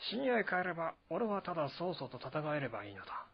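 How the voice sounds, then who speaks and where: A booming, swaggering warrior general, as a man reading a novel aloud puts him on, gruff and blunt, pitched well above the reader's own voice. His lines are forceful and loud. The recording is dull and lo-fi. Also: sing-song, a little fast, heavily acted. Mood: boisterous.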